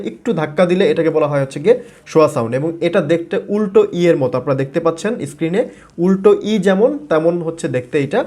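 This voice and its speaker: Fast-talking male pronunciation teacher. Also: on the high side, a little mellow. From Bangladesh. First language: Bengali. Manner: fast, repetitive teaching with fillers and modeled words. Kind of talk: explanatory video lesson.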